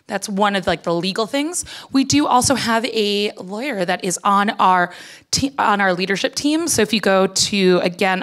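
A woman in her thirties speaking conversationally to an audience in an informal conference talk, often dropping "like" into her sentences. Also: medium pitch. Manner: conversational, peppers speech with "like". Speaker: conference speaker, foundation director. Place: on stage at a conference hall lectern. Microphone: handheld microphone.

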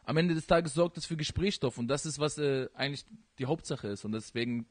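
A young man from Iran who raps, answering interview questions into a handheld mic in a living room, animated and full of fillers. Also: mid-range voice, fairly quick. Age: young adult. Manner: animated, talks in loose run-on sentences with many fillers. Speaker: rapper being interviewed. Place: living room at home, indoors.

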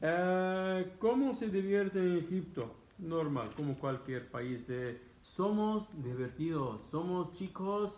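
A man in his thirties from Egypt, whose first language is Arabic, speaks Spanish as a second language in a high, slow voice with few pauses. He's a travel vlogger casually answering viewer questions from his living room at home, animated and gesturing. He's recorded on a phone camera at arm's length, so the sound is tinny and the room echoes.

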